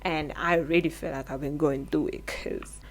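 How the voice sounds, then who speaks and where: A woman's voice: low-pitched, steady tone, normal speed, slight background noise, poor audio. Candid young South African woman vlogging. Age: early 20s. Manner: candid, earnest, slangy. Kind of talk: sit-down advice vlog. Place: indoors, seated. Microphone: own microphone with popping.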